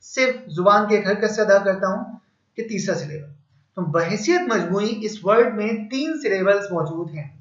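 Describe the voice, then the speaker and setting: A man with a fairly high voice explains grammar slowly and patiently, building up each point with examples. His tinged colours the speech. The recording has a roomy echo and a somewhat dull, muffled sound. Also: fairly bright tone. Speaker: English teacher. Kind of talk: explanatory lesson. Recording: echoey room, slightly dull sound.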